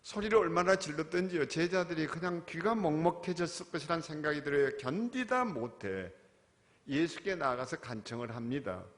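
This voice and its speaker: A male pastor preaching a sermon, swinging from quiet, questioning asides to loud, impassioned cries. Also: on the high side, lively intonation, normal speed. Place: church sanctuary. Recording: long reverb of a church hall.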